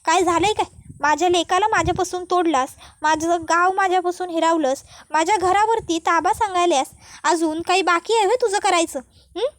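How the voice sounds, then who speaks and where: A woman's voice: very high-pitched, normal speed, no room sound. A woman voicing a proud, bitter older village matriarch who scolds defiantly in rustic speech.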